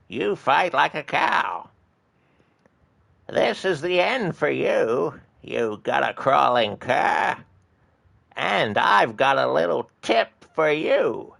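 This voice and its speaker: Man doing a creaky old man voice. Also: a little high, fairly bright tone, voice pushed up, full character voice. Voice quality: gravelly creaky crackle. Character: creaky slow old man trading insults.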